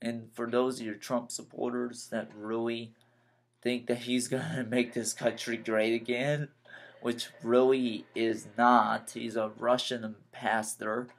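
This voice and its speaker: A nineteen-year-old man talking in a rambling personal vlog, halting and repeating himself as he vents his frustrations. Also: mid-range voice, little pitch movement, gravelly. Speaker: vlogger.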